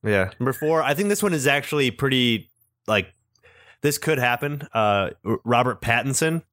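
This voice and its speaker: A man's voice: medium pitch, lively intonation, normal speed, fairly bright tone, dry recording, clean studio sound. A young man co-hosting a casual chat, rambling a little and laughing often. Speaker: podcast co-host.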